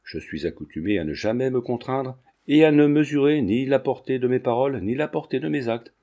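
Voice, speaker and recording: A man reading the lines of a flighty, mysterious foreign widowed countess in an audiobook, in a soft, courteous manner. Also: medium pitch, expressive, a little fast, natural voice.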